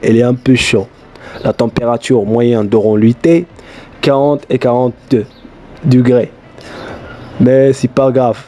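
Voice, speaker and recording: A Moroccan YouTuber, a native Darija speaker, tells stories in a casual vlog using loose, non-native French packed with fillers. His mid-range voice has a dark, level tone, and he speaks at a measured pace with long pauses.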